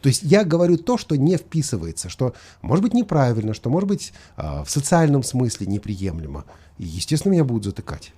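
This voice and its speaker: A man with a mid-range, mellow voice that has a breathy edge hosts a conversational talk show, speaking in a sing-song way and a little fast. He is argumentative, questioning things, pressing his points, and acting out imagined quotes.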